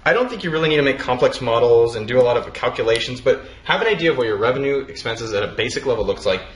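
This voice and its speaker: In an echoey room with a little faint noise, a male host with an animated, medium-pitched voice chats casually about startups. His delivery is rapid and loose, peppered with swearing and frequent laughter.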